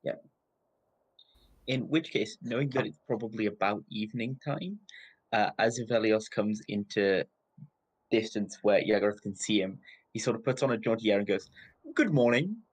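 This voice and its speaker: A man's voice: lowish voice, steady tone, normal speed, husky, rough recording. A man playing a tabletop role-playing game, casually chatting and describing what his character does.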